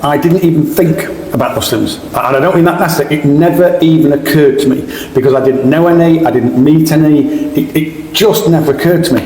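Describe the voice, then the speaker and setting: Middle-aged Sheffield man, podcast guest, halting restarts, long room echo. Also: on the high side, darkish tone. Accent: Sheffield English. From England. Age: 40s. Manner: frequent restarts and repeated words. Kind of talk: casual interview. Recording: echoey room with faint ambience.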